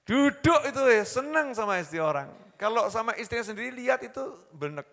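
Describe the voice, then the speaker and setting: A man with a Javanese accent preaching a sermon, telling stories and acting out the voices of the people in them, going from soft to loud. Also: very high voice, sing-song, a little fast. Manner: storytelling, acts out quoted voices, swings between soft and loud. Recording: long hall reverb.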